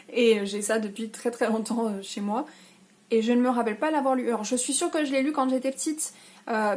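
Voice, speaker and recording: Chatty young French-speaking woman, somewhat high. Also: a little mellow. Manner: chatty, hesitant, frequent fillers. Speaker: book vlogger. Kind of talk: casual reading-list vlog.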